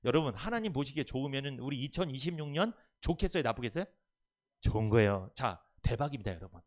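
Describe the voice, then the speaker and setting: A man's voice: mid-range voice, animated, quick pace. A man preaching a sermon as pastor at a church service, emphatic and quizzing the congregation with questions for them to answer.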